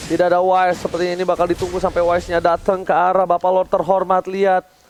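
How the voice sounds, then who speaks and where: An Indonesian man giving dramatic, excited live commentary as an esports caster, with emphatic calls. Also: high voice, quick pace. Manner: dramatic, repeats player names for emphasis.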